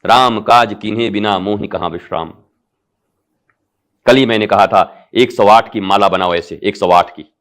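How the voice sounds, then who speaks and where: A man's voice: fairly low pitch, a little slow. A middle-aged man, a spiritual teacher, giving an impassioned devotional discourse full of rhetorical calls to his listeners. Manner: impassioned, rising to emphatic peaks then softening.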